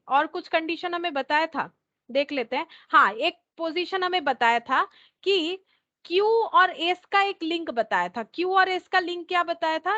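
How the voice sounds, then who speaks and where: A woman teacher with a high voice walks through a problem, repeating each step as she thinks it out. She slips English terms into her explanation. The recording sounds a little dull and lo-fi. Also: a bit bright. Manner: mixes English terms into Hindi. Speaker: reasoning teacher. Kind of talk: explaining a test question.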